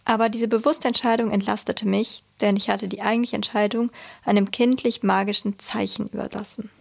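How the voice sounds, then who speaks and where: A woman reading a first-person memoir aloud in a measured, earnest way. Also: medium pitch, little pitch movement, gravelly. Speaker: reader.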